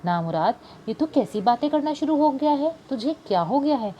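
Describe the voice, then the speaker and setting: A woman's voice: mid-range voice, expressive, moderate pace, dark tone, a little hiss or hum, natural voice. A woman voicing a lonely, grieving older woman who speaks plaintively in an audiobook. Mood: scolding. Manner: plaintive, tearful.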